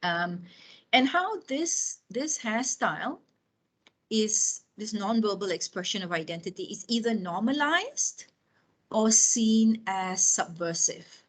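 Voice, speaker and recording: Slowly and animatedly, a woman in her fifties gives an informal lecture full of personal anecdotes, her mid-range voice fairly bright. She speaks conversationally, often pausing to check in with her listeners.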